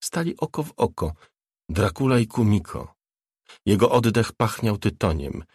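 A man reading a novel aloud as an audiobook narrator, in a measured, even delivery. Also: fairly low pitch, husky, no room sound, studio quality. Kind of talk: scripted narration.

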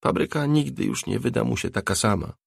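A man narrating an audiobook in a measured, steady reading. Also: mid-range voice, gravelly, breathy edge, no echo, studio quality.

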